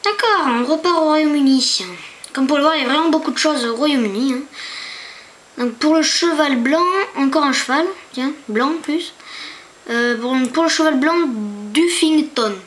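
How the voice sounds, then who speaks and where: A chatty woman with a high, light voice narrates a casual screen tour. She hesitates often, trips over foreign place names and keeps asking her viewers rhetorical questions, recorded on a computer mic with faint noise behind her. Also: moderate pace, a bit bright. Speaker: YouTuber.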